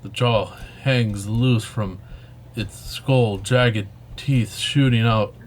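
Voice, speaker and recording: A man's voice: on the low side, steady tone, drawn-out words, slight background noise. A man reading a story game's narration aloud as he plays, breaking in with joking asides. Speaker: game streamer.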